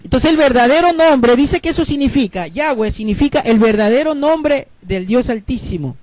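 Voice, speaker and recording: A man preaching a Bible teaching sermon, explaining word roots slowly and checking in with his listeners. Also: very high voice, expressive, no echo. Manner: explains slowly, spells letters out, asks listeners ¿verdad?.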